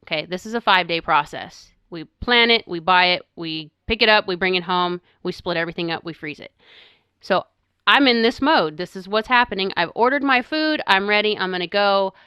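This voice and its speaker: A middle-aged woman tells a story on a podcast in an animated, chatty way, acting out her own past words. Her voice is bright and very clean. The recording is dry and a little dull. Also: medium pitch, brisk, clear, resonant tone, no room sound. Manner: animated storytelling, quoting herself. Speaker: podcast co-host. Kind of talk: casual chat.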